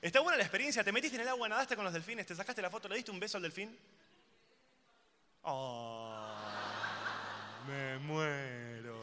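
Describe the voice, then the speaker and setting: A man with an Argentine accent doing a live stand-up routine, chatting and teasing the crowd with loud bursts. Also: high voice, racing, hardly any pauses, in a large hall, a little hiss or hum. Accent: Argentine Spanish. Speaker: stand-up comedian.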